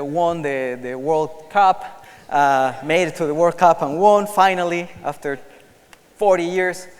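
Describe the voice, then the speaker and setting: Animated man lecturing in an auditorium. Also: medium pitch, clean tone. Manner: animated, asks the audience questions, switches into English for quotes. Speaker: conference speaker. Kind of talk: lecture to an audience. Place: large auditorium. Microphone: microphone. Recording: long hall reverb in an auditorium.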